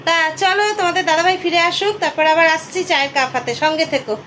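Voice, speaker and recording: A middle-aged woman talks to her viewers as friends in a relaxed home vlog, her voice pitched high. She is filmed on a phone camera indoors, with a faint hum of street traffic behind her. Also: fast. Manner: chatty, addresses viewers as friends, coos at pet. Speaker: vlogger. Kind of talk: casual home vlog narration.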